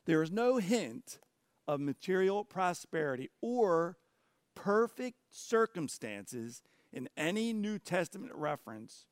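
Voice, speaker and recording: Pastor, sermon voice, measured, dry close sound. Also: male voice, high voice, sing-song, no echo. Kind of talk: sermon and interview.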